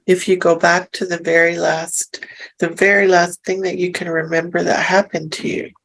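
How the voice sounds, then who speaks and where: A woman leading a hypnosis session, speaking softly and reassuringly as she gently asks questions. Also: fairly low pitch, level tone, vocal fry, rough recording. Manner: soft, slow and soothing, reassuring. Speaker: hypnosis practitioner.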